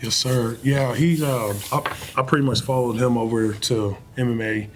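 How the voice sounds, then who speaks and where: A man who coaches high school basketball, talking in a folksy, laid-back and joking way. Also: fairly even intonation, moderate pace, slight background noise. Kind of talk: casual interview.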